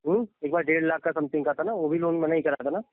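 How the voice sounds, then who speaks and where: A man's voice: on the high side, very fast, dry recording. Insistent man on a tinny phone line. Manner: insistent, repeats 'listen to me'. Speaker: bank loan officer. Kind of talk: heated phone argument.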